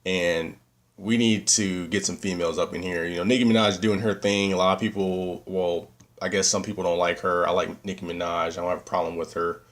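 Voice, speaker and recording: Winded guy rambling on his vlog, gets ranty and animated. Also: sits low, fairly quick. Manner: rambling, breaks into animated rants. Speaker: vlogger. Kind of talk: casual vlog chat.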